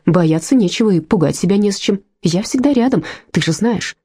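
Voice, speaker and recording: Woman reading a weary husband, patient, lightly ironic, husky, mellow, audiobook. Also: mid-range voice, animated, fairly quick. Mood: tired, soothing. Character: weary patient young husband, gently teasing. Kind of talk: audiobook character voice.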